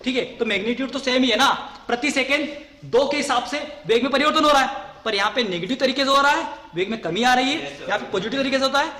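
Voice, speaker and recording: A man's voice: very high voice, fast talker, pushed and bright. A man teaching a physics class, often repeating a question and then answering it himself. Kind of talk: classroom lecture. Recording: echoey room with long reverb.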